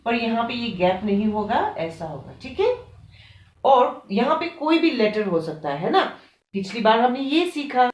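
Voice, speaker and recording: A woman teaching children a Hindi lesson, speaking slowly and patiently and often checking in with "ठीक है?". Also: medium pitch. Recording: echoey room.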